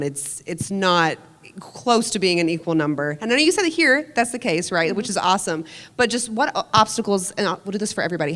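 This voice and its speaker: A woman moderating a panel in a quick, chatty, expressive way. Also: on the low side. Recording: long hall reverb.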